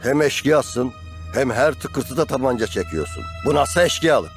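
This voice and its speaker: A man's voice: medium pitch, very animated, measured pace, faint music behind. A man in his sixties playing a grumpy, disapproving old village grandfather in a TV comedy-drama, blunt and scolding. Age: 60s.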